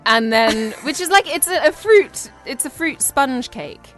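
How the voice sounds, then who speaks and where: A woman's voice: high-pitched, lively intonation, unhurried, a bit bright, soft background music. A young woman from the UK chatting casually with a friend, laughing often and swearing now and then. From United Kingdom. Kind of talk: casual chat.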